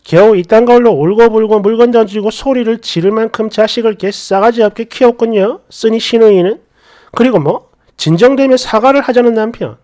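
A woman narrating reader stories with sarcastic, expressive commentary. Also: fairly high pitch, a little fast. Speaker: story narrator. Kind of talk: dramatic storytelling of reader stories.

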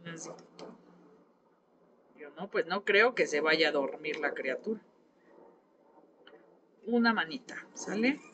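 A craft teacher with a Mexican Spanish accent leads a live painting class, chatting and gossiping with viewers as she works. Her low voice is animated but slow, with long pauses, against a noisy background.

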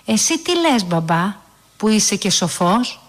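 A woman's voice: mid-range voice, big pitch swings. A woman voicing a curious eight-year-old girl who asks eager questions in a storybook reading. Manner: inquisitive, chatty.

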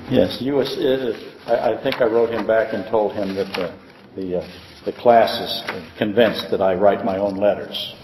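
A man's voice: on the low side, unhurried, noisy background. Older guy pastor w a lisp, joking around reading letters, big echoey church hall. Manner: joking, self-deprecating, reads letters aloud. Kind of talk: casual Bible lecture. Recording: echoey hall with long reverb.

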